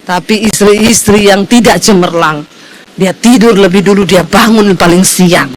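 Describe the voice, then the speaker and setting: A middle-aged woman pastor preaching a sermon, telling stories in a lively, emphatic way. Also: mid-range voice, unhurried, low-quality recording.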